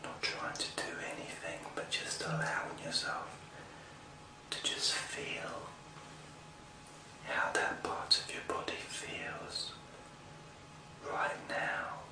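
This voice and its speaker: A man leading a guided relaxation hypnosis in an intimate whisper, as if right in your ear, soothing, with long pauses between short phrases. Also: heavy reverb, far from the mic, low-quality recording. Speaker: hypnosis session host.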